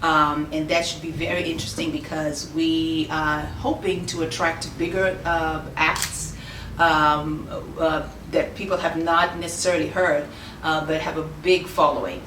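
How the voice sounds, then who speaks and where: Shop owner, lower voice, echoey room, slightly off-mic. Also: female voice, level tone, recorded from a distance, background noise. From Kenya. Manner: measured, with frequent "uh" and "um" pauses. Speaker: boutique owner. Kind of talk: interview answers. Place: her clothing shop.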